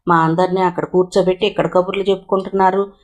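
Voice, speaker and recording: A woman reading a novel aloud, voicing a brisk, slightly bossy young woman friend. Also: lowish voice, little pitch movement, close to an everyday voice.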